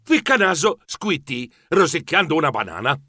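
Man, children's story narrator, high bright voice, very expressive, exclamatory. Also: normal speed, no echo, clean studio sound. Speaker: audiobook narrator.

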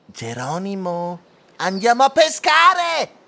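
A man voicing an excitable, boastful male mouse in a storybook, with shrill exclamations. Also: slow pace, creaky, heavily acted. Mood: excited.

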